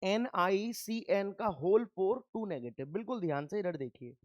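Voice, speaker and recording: A man's voice: high voice, normal speed, a little mellow, dry recording, studio quality. A man teaching a chemistry lecture, firmly drilling students by asking questions and answering them himself. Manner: firm, scolding reminders to pay attention. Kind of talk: classroom lecture.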